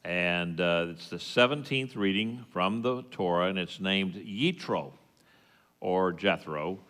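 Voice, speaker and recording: A man speaks slowly with a West Texas twang, his voice on the low side. He teaches as in an informal sermon, folksy and halting, with plain-spoken asides. The sound rings with the long reverb of a hall. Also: fairly bright tone. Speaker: congregation teacher giving the sermon. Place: reverberant hall at a worship service.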